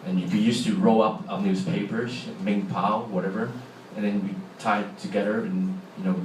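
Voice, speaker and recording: His voice sits on the low side, steady in tone and at a normal speed, with slight background noise. He's a middle-aged man with a Hong Kong accent giving a chatty public talk in a large hall and questioning the audience. The echoey sound comes from far off, with faint ambience.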